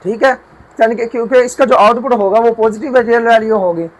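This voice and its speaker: High-voiced man teaching a math lesson. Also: brisk, rough recording. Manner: explains step by step, repeats and asks himself questions. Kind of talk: whiteboard math lecture. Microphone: camera mic while writing.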